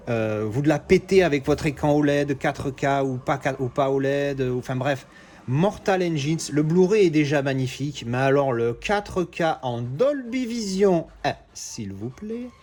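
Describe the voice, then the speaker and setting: Casting: chatty guy, mid-pitched, gushing collector, rambling. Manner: chatty, excitable, lots of fillers and self-corrections. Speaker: collector unboxing discs. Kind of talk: casual unboxing vlog.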